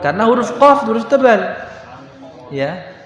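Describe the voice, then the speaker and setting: A man's voice: sits high, very animated, moderate pace. A man teaching Quran recitation to students, explaining patiently and chanting examples aloud. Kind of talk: religious lesson to students. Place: large room in a school. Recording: echoey hall, faint background noise.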